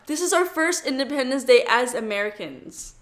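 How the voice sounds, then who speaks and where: A woman's voice: high-pitched, expressive, normal speed. A young adult woman co-hosting a casual podcast over a video call, playful and switching between languages. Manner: playful, multilingual code-switching. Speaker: podcast co-host. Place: plain room at home, video call.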